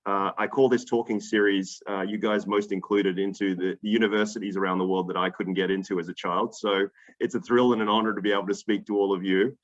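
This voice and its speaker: Energetic Australian man on a video call. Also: lowish voice, fast, lo-fi sound. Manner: energetic, emphatic, many fillers. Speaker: investor guest speaker. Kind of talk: casual video call talk to students.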